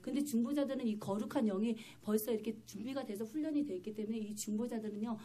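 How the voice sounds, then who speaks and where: A woman's voice: a little high, fast talker, mellow. A woman pastor preaching a sermon in church, telling her story vividly and with emphasis.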